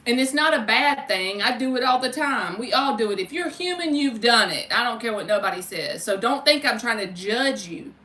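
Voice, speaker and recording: A female tarot reader hosts a livestream, speaking in a medium-pitched voice with a sharp, bright tone. She's chatty and informal, mixing mild swearing and greetings to viewers by name into her spiritual readings. The room echoes, and the distant mic catches faint noise.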